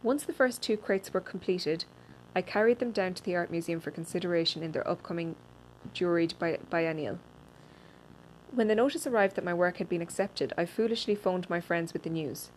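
A woman reading a personal essay aloud in a deadpan, wry way, now and then stumbling and restarting a word. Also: fairly low pitch, normal speed, slight background noise, poor audio. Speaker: reader.

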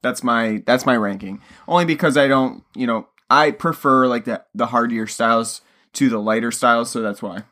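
A man co-hosting a podcast in casual chat, relaxed and agreeable, laughing easily. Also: mid-range voice, moderate pace. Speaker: podcast co-host.

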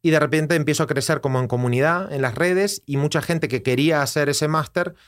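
A man with an Argentine accent, a guest telling his story in a relaxed, reflective interview with many restarts. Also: fairly high pitch, a little fast. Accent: Argentine Spanish. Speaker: guest, personal development teacher. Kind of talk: casual conversational interview.

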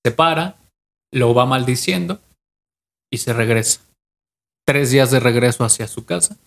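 A man's voice: mid-range voice, moderate pace, creaky. A young adult man with a Mexican accent casually retells a legend from memory on a podcast, often repeating and restarting his phrases. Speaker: podcast co-host.

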